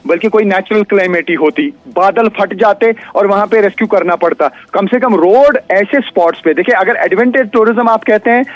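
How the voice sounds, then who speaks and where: Male field reporter phoning in, dry and muffled line, measured and explanatory. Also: high voice, no room sound. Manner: measured, explanatory, frequent "uh" fillers. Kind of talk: news phone-in report. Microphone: phone line.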